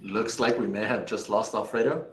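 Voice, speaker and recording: A man hosting a panel discussion over a video call, relaxed and conversational, with some ums. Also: on the low side, normal speed, roomy sound, slight background noise, low-quality recording. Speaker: panel host and moderator. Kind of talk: casual panel moderation.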